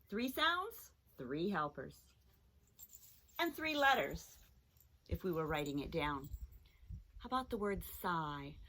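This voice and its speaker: A woman teacher giving a children's phonics lesson, speaking in slow, clear, sing-song instructions. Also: lowish voice, a bit bright.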